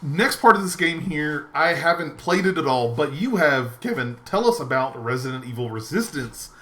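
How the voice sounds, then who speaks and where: Bright-voiced podcast host. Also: male voice, a little high, normal speed. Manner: relaxed, asks questions, reads chat. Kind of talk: casual podcast chat.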